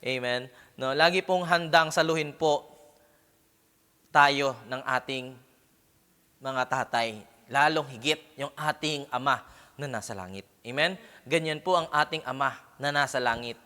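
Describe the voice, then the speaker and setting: A man's voice: mid-range voice, a little slow, pushed and bright, clean tone. A man preaching a sermon as pastor, often checking in with the congregation with a questioning "Amen?" or "No?" and slipping English words into his talk. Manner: punctuates phrases with questioning "Amen?" and "No?". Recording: long hall reverb.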